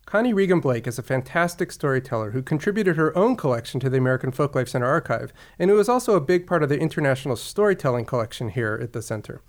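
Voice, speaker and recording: A man's voice: mid-range voice, lively intonation, fast talker, hardly any pauses. A man co-hosts a podcast and fills in background details. He speaks in a wry, informative, scripted way. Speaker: podcast co-host.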